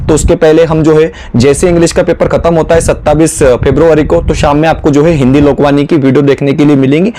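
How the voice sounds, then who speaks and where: A man's voice: a little high, warm tone, a little hiss or hum. A man teaching an exam-prep lesson to students, explaining step by step and often slipping in filler phrases.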